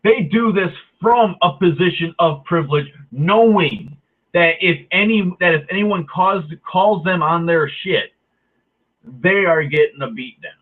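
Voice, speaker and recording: A man's voice: high-pitched, unhurried. A ranting man on tinny, phone-like audio. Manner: heated, profane, sarcastic. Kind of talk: angry ranting monologue.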